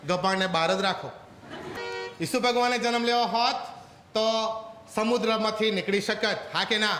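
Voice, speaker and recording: High-voiced, animated male preacher. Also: echoey room, in a large hall, slight background noise. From Gujarat, India. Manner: rhetorical, animated storytelling. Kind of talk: sermon.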